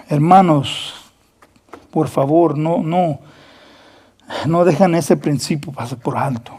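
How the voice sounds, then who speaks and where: A man's voice: high-pitched, warm tone. A man preaching a Bible study sermon as pastor, earnest, repeating words and acting out quoted dialogue, slipping between Spanish and English.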